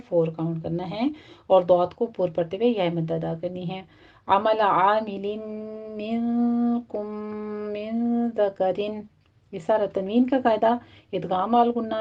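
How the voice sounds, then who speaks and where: A woman teaching the rules of Quran recitation. She explains each point patiently, one step at a time, and slows into a drawn-out chant when she recites the verses. The recording sounds dull and muffled, like lo-fi audio. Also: mid-range voice.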